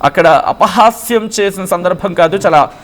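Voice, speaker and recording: A male news anchor hosting a live phone-in show, speaking in a measured, questioning way. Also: sits high, a bit bright.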